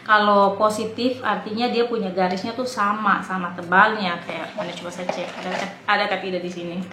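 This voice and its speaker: A woman's voice: mid-range voice, flat delivery, a little fast, noisy background. Casual vlogger woman from indonesia, late twenties, chatty and rambling, roomy echo. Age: 20s. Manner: chatty, laughs often, rambling. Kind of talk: casual chat. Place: home in the Netherlands.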